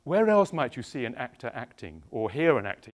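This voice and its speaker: Speaking briskly in a mid-range voice, an English actor in middle age hosts an interactive kids' show. Wearing a clip-on mic, he fires questions at the young audience and plays with them animatedly.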